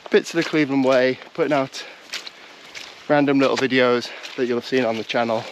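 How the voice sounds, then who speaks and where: A man in his thirties with a stuffy, blocked-up voice talks casually to an action camera on a countryside walk. He is a walking vlogger who pokes fun at himself and rambles, often starting over. His voice is medium-pitched and steady, a little fast, with some hiss or hum on the recording.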